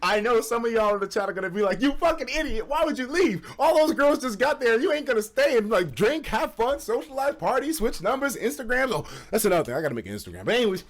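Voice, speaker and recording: A young adult man with an American accent streams to a live chat, telling a casual story in slangy, profane language. His voice is extremely high and he talks fast with hardly any pauses, acting out the quoted dialogue animatedly as he goes.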